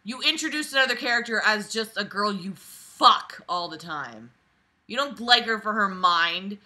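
Animated and moving at a moderate pace, a woman in her twenties reads aloud in a mid-range voice that's pushed and bright. She's lying on a bed in a small bedroom, breaking off to ridicule the material with sarcastic, exasperated cursing.

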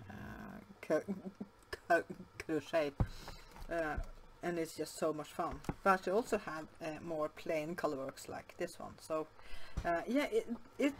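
A Norwegian yarn vlogger speaks English as a second language, slowly and a little low, hesitating with frequent fillers and restarts. She's doing a relaxed show-and-tell home vlog filmed by a camera above the table showing only her hands, with faint room noise behind her.

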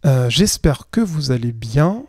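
A male streamer reading a literary passage in a measured, even way, then chatting casually with his viewers. His voice is mellow and warm, at a middle pitch for a man. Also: dry recording. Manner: measured reading; chat full of fillers. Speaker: streamer and reader.

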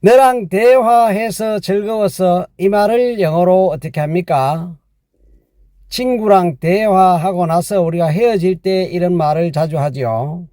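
A man teaching a spoken language lesson, patiently repeating phrases slowly for learners. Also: high-pitched, warm tone, dry recording, studio quality.

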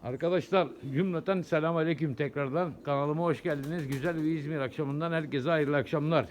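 A man's voice: on the high side, brisk, slight background noise. A man vlogging outdoors at his pigeon loft, talking casually to his viewers, chatty and repeating words as he watches his birds fly.

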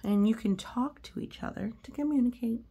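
A woman reads a storybook to young children, explaining things reassuringly as a read-aloud commentary. Her voice is fairly high, fairly quick, mellow and husky.

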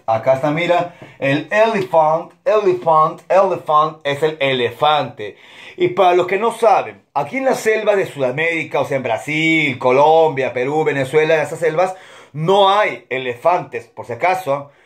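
Higher-voiced man teaching English words. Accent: Peruvian Spanish. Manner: repeats each word slowly, asks "¿ok?" and "¿sí o no?". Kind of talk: online English vocabulary lesson for children.

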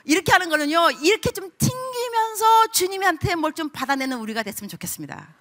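Animated Korean woman pastor preaching. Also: very high-pitched, quick pace. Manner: animated storytelling, acting out voices. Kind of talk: sermon.

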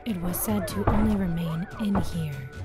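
A woman voicing a calm, helpful female computer AI that speaks in a slow, even, polite way. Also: on the low side, close to an everyday voice. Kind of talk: fan film acting. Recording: loud music underneath.

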